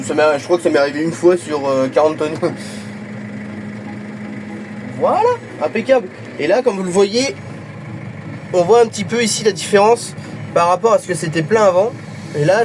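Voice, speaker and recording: Filming from his tractor, a young man with a cold and blocked nose keeps up a chatty, halting commentary on his farm work, often repeating himself. His voice is high, and there's noise in the background. He moves between the cab and the open farmyard.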